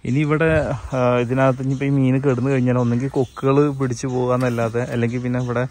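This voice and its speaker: Here a thirtysomething fishing vlogger from Kerala talks fast, his medium-pitched, slightly mellow voice showing little pitch movement and a Malayalam accent. He's outdoors among paddy fields and a yard, filming on his own handheld phone, chatting casually, explaining as he goes and regularly checking in with the viewer.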